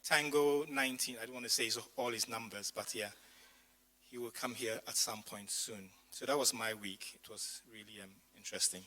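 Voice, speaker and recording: Speaking to his congregation in a church community hall, a pastor mixes personal stories into a chatty sermon and throws asides to those present. His mid-range voice is pushed and bright at a moderate pace, strained from having lost it, as he mentions himself.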